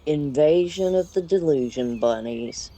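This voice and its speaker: A narrator reading a comedic storybook tale in a dry, deadpan way. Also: medium pitch, measured pace.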